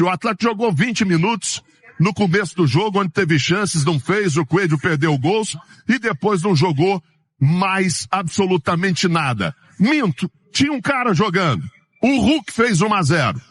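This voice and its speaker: A Brazilian man speaks as a radio football commentator in a high, dry-sounding voice. He is emphatic and indignant, giving opinions in colloquial speech. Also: a bit bright, slightly rough, dry recording. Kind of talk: opinionated post-match commentary.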